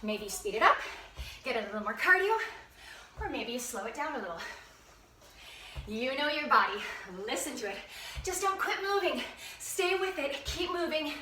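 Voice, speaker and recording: A woman's voice: high voice, big pitch swings, moderate pace, long pauses, bright, forceful tone, a little hiss or hum. Upbeat female fitness instructor, breathless mid-workout, recorded at a distance in an echoey room. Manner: upbeat, encouraging, panting between cues. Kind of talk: workout instruction, counting reps. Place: room at home.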